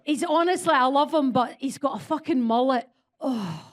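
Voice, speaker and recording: A woman's voice: high-pitched, expressive, moderate pace. A Scottish woman in her forties doing a blunt, crude stand-up set. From Scotland. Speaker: stand-up comedian.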